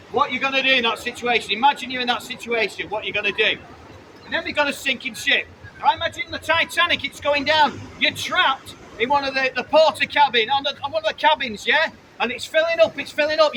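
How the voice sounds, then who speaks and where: Out on a busy city street, amid the noise of crowds and traffic, a British man preaches to passers-by in a very high-pitched, pushed, bright voice. His open-air evangelism is fervent and insistent, full of repeated phrases, riddles and rhetorical questions.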